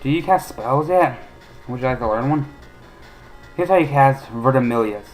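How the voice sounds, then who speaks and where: A man's voice: mid-range voice, animated, normal speed, faint music behind, close to an everyday voice, low-quality recording. A man voicing an eager know-it-all schoolgirl witch, reading her game lines primly.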